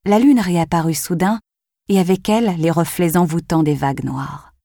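Woman reading a thriller audiobook, low mellow voice, super dry close sound, goes hushed sometimes. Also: dry recording. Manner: measured, drops to a hushed near whisper in tense passages. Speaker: audiobook narrator. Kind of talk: scripted narration of a thriller novel.

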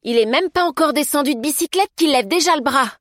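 A woman's voice: high voice, lively intonation, quick pace, a bit bright, no room sound, studio quality, voice pushed up. A woman doing an eager young kitchen girl. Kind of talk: audiobook character voice.

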